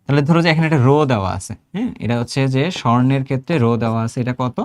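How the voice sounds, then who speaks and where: A man in his thirties with a Bangladeshi Bengali accent teaches an online chemistry lesson for exam prep. He talks very fast in a mid-range voice with no echo, keeping it chatty, repeating phrases and quizzing his students.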